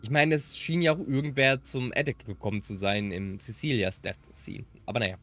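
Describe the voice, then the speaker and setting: Brisk and fairly bright, with a medium pitch and fairly even intonation, a German native speaker plays through a game as a let's player. The commentary is casual, shifting between German and English, and mixes in voiced read-alouds of the dialogue.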